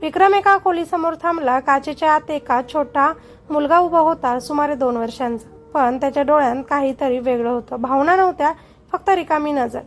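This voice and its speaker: High-voiced woman narrating a suspense story. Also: normal speed. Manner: suspenseful, dramatic. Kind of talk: dramatic scripted narration.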